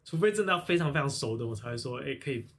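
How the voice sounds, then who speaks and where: Animated podcast man. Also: medium pitch, very fast. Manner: animated storyteller who retells scenes. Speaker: podcast co-host. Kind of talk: casual podcast chat.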